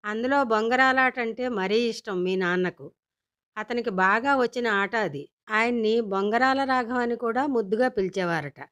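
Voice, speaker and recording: A woman's voice: on the high side, normal speed, fairly bright tone, lightly acted. A woman voicing an exasperated, practical mother. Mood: explaining. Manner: explaining patiently, with dry grumbles.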